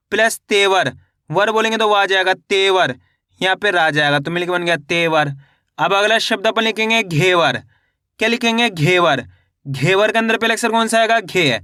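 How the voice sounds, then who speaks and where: Man, high bright voice, smooth and crisp, dry close sound, patient syllable-by-syllable teaching. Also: dry recording. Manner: sounds out syllables slowly, repeats each word as a question and answer; addresses viewers as friends. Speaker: Hindi reading teacher. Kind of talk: step-by-step spelling lesson.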